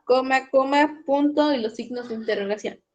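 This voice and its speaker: Woman student, fairly high voice, careful halting reader. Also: darkish tone, highs cut off. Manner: careful, halting reading aloud. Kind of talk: reading aloud in class.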